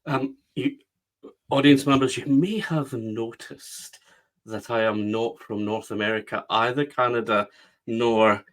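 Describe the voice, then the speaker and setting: A man's voice: mid-range voice, fairly even intonation, measured pace, a bit bright. A man with a West of Scotland accent, speaking as a guest on an interview podcast and stressing his points with repeated phrases. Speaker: guest, book strategist.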